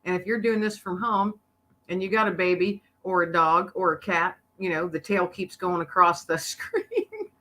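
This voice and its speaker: Here the guest is a middle-aged woman, a podcaster and author, whose low voice moves at an ordinary pace. She laughs often while animatedly recounting stories in a relaxed interview.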